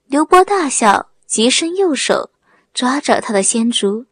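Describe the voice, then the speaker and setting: A woman reads a serialized story aloud with a high, breathy-husky voice. The sound is dry and close, with no room in it. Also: big pitch swings, measured pace, no room sound. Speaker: narrator. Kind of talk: dramatic audiobook narration.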